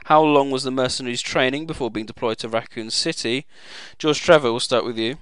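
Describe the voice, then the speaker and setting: A man's smooth, clear voice at a middling pitch, recorded very dry and close. He chats casually as a jokey host, informal and unpolished. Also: brisk, a bit bright, dry recording. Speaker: quiz host and podcast panellist. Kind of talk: casual chat.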